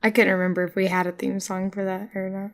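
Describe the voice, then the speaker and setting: A woman's voice: mid-range voice, fast talker. A woman co-hosting a casual musicals podcast, dry and teasing in her replies. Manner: deadpan, teasing. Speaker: podcast co-host. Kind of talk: casual chat.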